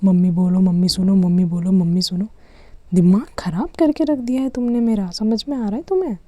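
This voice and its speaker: A woman voicing a harried mother who scolds her son quickly and impatiently. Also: mid-range voice, warm tone, no room sound, muffled recording, natural voice. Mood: exasperated. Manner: scolding, fast, exasperated. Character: exasperated mother Poonam, scolding.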